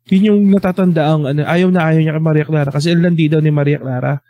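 A man's voice: a little high, fairly even intonation, fast talker, no echo, narrow, tinny audio. A man, telling school stories in a casual chat and animatedly voicing the people he quotes.

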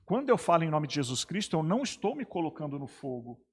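A husky, slightly high male voice preaches in conversation, leaning hard on repeated phrases for emphasis. The sound carries a long reverb tail, as if recorded in a big echoing space. He talks like a pastor explaining doctrine to a co-host. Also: very animated, fast talker. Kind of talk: preaching in a two-man discussion.

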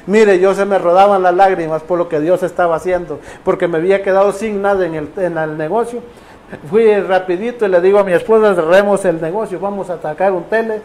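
A man's voice: high-pitched, steady tone, a little fast, darkish tone. A man giving a rambling personal faith testimony, full of fillers and reported dialogue. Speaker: testimony giver.

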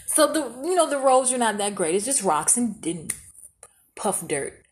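A woman's voice: on the high side, big pitch swings, moderate pace. Female co-host, playful and teasing, chatty storyteller with frequent laughs. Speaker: podcast co-host. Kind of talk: casual couple chat.

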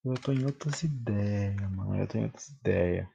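A young Brazilian man with a low, gravelly, rough-edged voice hosts a casual solo podcast. He rambles in thick street slang and throws in swear words. The sound is a dull, lo-fi home recording. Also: moderate pace, dark tone, a little hiss or hum. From Bahia, Brazil. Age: young adult. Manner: heavy informal street slang, some swearing. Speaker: podcast host.

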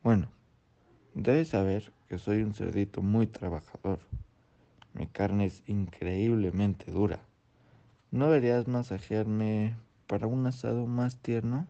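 A crafty little male piglet from a storybook, sly and coaxing, as a man reads him. The voice sits low and slow with a mellow, dark tone. The recording is dull and lo-fi. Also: fairly even intonation. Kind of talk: storybook reading.

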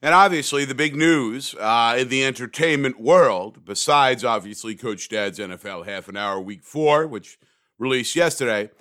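A man's voice: medium pitch, expressive, normal speed, sharp tone. A man hosting a comedic solo podcast, talking in a sarcastic, rambling, self-mocking way. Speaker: podcast host.

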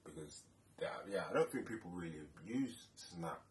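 Deep-voiced young London man, roomy recording. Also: expressive, normal speed. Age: late 20s. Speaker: podcast co-host. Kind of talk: casual chat. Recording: roomy, distant mic, faint noise.

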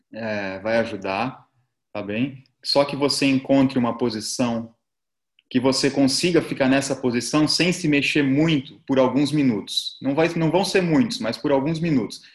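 Brazilian man guiding a relaxation exercise. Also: medium pitch. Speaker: guided meditation instructor. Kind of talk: guided relaxation and listening exercise.

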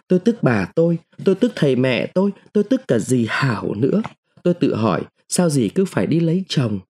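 A man reading a literary short story aloud in the first person, with an expressive, dramatic delivery. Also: medium pitch, breathy edge. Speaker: narrator.

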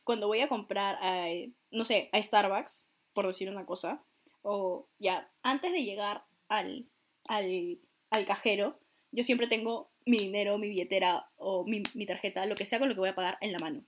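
A woman in casual chat, talking softly and hesitantly with lots of fillers. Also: medium pitch, fairly even intonation, moderate pace. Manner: soft-spoken, hesitant, rambling with many fillers.

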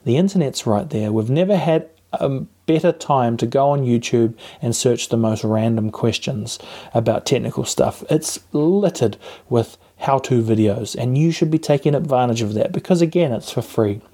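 Man, podcast host, soft-edged mellow tone, informal encouraging advice, lapel mic. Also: medium pitch, moderate pace. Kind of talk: advice podcast, casual monologue to listeners. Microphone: lapel mic plugged into a phone.

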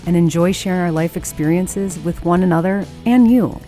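Low-voiced Midwestern American woman, wry and wheezy-laughing. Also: moderate pace, mellow, faint music behind. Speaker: podcast co-host. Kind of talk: casual chatty podcast banter.

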